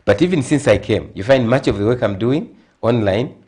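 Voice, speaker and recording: Speaking at a moderate pace in a mid-range, slightly rough voice, a middle-aged Zambian man serves as a guest consultant in a TV interview. Earnest at first, he grows emphatic and animated as he goes.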